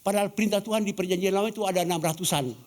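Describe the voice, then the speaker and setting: Guy from ambon preaching, kinda high voice, keeps asking the church stuff and acting out little scenes. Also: fairly even intonation, racing, darkish tone. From Ambon, Indonesia. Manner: questions the congregation, acts out quoted dialogue. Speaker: pastor. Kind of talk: sermon.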